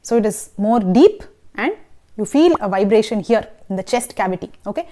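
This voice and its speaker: A woman's voice: medium pitch, animated, moderate pace, dark tone. A woman teaching a vocal lesson who explains patiently and often checks in with "okay?" and "right?". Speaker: singing teacher. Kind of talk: vocal lesson with sung demonstrations.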